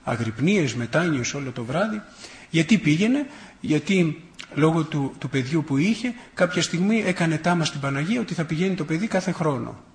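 Male priest, sermon, fairly high pitch, emphatic list-builder, folksy storyteller. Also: animated, echoey room. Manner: emphatic, builds long rhetorical lists with rising intensity; folksy, tells personal anecdotes with self-irony.

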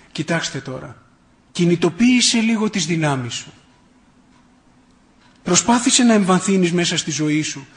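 Fervent man preaching with higher pitch. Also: roomy sound. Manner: emphatic, builds long rhetorical lists with rising intensity; folksy, tells personal anecdotes with self-irony. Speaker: priest. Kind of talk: sermon.

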